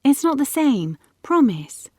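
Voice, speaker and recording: A woman voicing a lively, eager young girl from the gentry who chatters and coaxes. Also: medium pitch, measured pace, no echo, studio quality. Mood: pleading. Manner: excited, chattering, coaxing.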